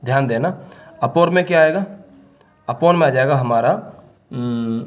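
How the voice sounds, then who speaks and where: A man's voice: mid-range voice, narrow, tinny audio. A male maths teacher working through a problem on the board step by step, often checking that his students follow. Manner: dictates terms slowly, step by step. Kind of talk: whiteboard maths lesson.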